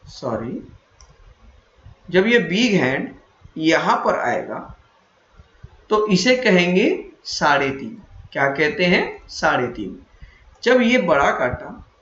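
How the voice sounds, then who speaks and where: A man's voice: sits high, fairly bright tone. A man teaching a math lesson, patiently repeating each point and quizzing his students as he goes. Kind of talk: explaining a classroom lesson. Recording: roomy, dull lo-fi recording.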